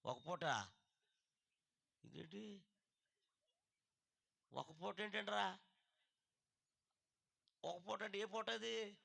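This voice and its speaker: A man with a Telugu accent preaching a sermon, calling on the congregation to answer him aloud and moving between loud drawn-out lines and quick low asides. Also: gravelly, no room sound. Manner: call-and-response preaching, urging the crowd to answer loudly. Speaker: pastor.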